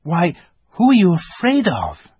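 Bold eldest boy done by a male reader, firm, loud, raised voice, lively. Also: sits high, unhurried, slightly rough, dry recording, pitched above the performer's own voice, full character voice. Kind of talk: storybook reading.

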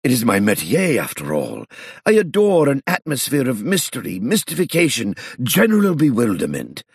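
A man voicing an excitable elderly male illusionist who talks in a theatrical, flustered way and drops French phrases. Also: mid-range voice, moderate pace, husky, dry recording, studio quality, voice pushed up, full character voice. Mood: agitated. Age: older.

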